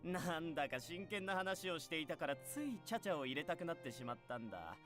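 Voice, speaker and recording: A sly, teasing game detective. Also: male voice, fairly high pitch, big pitch swings. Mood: mock apologetic. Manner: theatrical, slow teasing drawl. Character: sly, mischievous male detective with a sinister, playful streak. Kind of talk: Japanese video game voice acting. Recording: game audio with loud music.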